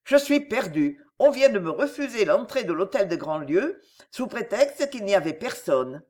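A woman's voice: medium pitch, big pitch swings, normal speed, a little mellow. A woman reading a storybook and voicing an anxious young man, earnest and worried. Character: anxious young man, a fashionable ruined suitor.

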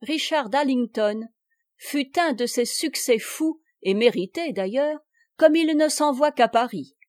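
A woman narrating a classic novel in a measured, theatrical reading style. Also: high-pitched, expressive, darkish tone, no echo, clean studio sound. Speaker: audiobook narrator.

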